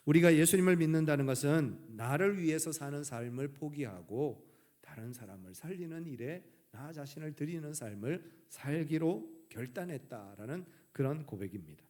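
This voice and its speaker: A male pastor from the Gyeongsang region preaching a sermon earnestly, letting his sentence endings fall soft and quiet. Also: on the high side. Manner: earnest, trailing off softly at sentence ends.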